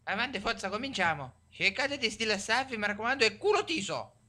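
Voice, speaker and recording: A man's voice: high voice, sing-song, brisk, sharp tone, slight background noise, heavily acted. A man with a Sicilian accent playing a fussy, arrogant yoga instructor in a comic game dub. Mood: soothing, bossy.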